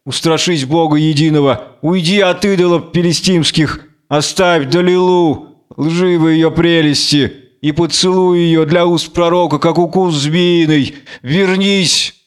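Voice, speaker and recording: A man voicing a fierce, bitter blind woman who reproaches in slow, solemn declamation. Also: on the high side, steady tone, smooth, lightly acted.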